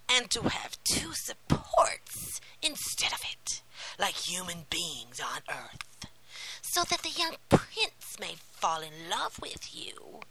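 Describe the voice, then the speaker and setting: A shrill, scheming old sea witch, put on by a woman in whispered role-play, her high voice leaping and swooping between hushed breath and bright, sharp cries. The sound has a gravelly edge over a faint hiss. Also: heavily acted, low-quality recording. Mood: menacing.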